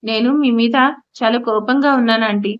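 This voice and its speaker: A woman's voice: on the high side, fairly even intonation, brisk, close to an everyday voice. A woman voicing a torn young man in an audio story, speaking defensively and pleadingly. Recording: slightly muffled audio.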